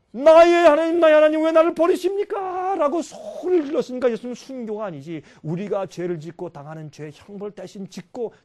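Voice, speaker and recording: A middle-aged man preaches a sermon in a fairly high voice. He keeps asking his listeners questions and slips into the voices of the people in his examples. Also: darkish tone. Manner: acts out quoted voices, asks the congregation questions. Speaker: pastor.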